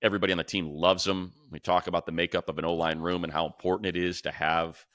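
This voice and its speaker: A man hosting a sports talk show analyses casually in an emphatic, conversational way, repeating points for stress. His voice is low-pitched, level and a bit bright, and he talks fast. The recording is clean studio sound with no room sound.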